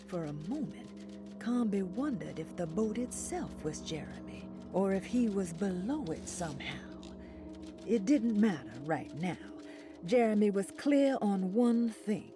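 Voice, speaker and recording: An actress playing a composed storyteller, giving measured, literary narration in a video game. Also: female voice, mid-range voice, very animated, music in the background. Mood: calm, measured. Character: composed female storyteller recounting a mystery.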